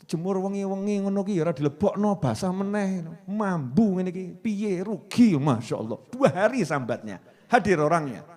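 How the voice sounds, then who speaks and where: A man with a Javanese accent giving a casual, joking sermon, telling lively stories to his audience. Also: high-pitched, moderate pace. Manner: playful, joking, lively storytelling. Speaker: preacher.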